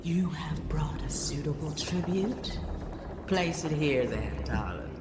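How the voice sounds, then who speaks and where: A woman's voice: low voice, lively intonation, takes it slowly. A woman playing a seductive madame of a pirate den in a video game, sultry and coaxing with whispered phrases. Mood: haughty teasing. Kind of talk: video game character acting. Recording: echoey hall, loud background noise.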